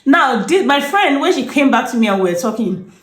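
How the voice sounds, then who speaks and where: Calm woman telling stories. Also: high-pitched, a little fast. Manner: calm, rambling storyteller with frequent "you know". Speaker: herbalist and nutritionist. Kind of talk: storytelling in an interview. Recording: echoey room.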